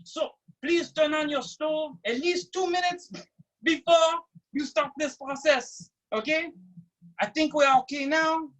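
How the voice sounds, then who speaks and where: High pitched lady doing a silly cooking demo, hammy and chatty, kinda far from the mic. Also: steady tone, measured pace. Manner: playful, exaggerated, chatty instructions. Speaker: cooking show host. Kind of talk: comedic cooking demonstration.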